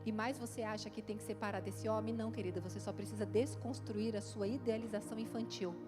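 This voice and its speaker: A middle-aged woman pastor from Brazil, preaching at a church conference in a lively, playful way and speaking straight to the congregation. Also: mid-range voice, fast. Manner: lively and playful, acts out quotes, talks straight to the crowd. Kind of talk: conference sermon. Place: church hall, live event. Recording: long hall reverb with faint music.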